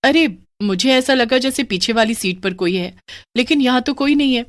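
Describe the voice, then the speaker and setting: A woman voicing a greedy, excitable young wife whose voice goes shrill. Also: normal speed, dry recording, studio quality, close to an everyday voice. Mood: cheerful.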